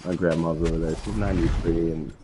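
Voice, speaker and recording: Crude joking young guy with a low voice. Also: fairly even intonation, fast talker, background noise. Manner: crude jokey banter, laughs often. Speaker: gamer. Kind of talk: casual chat while gaming.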